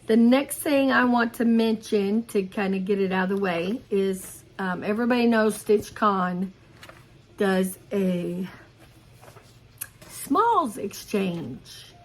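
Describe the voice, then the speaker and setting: A woman's voice: medium pitch, unhurried. A middle-aged woman chatting casually about her cross-stitch haul in an enthusiastic, rambling way, recorded at home. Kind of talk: casual show-and-tell chat.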